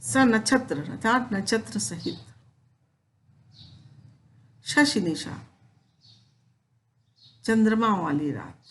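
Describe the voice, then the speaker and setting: A woman teacher reads verse aloud and then explains it in simple words. She speaks at a slow, unhurried pace and at a middling pitch. A faint hiss runs under the recording. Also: lively intonation. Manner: recites verse lines, then explains them in plain Hindi. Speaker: Hindi teacher. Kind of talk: recorded lecture explaining poetry.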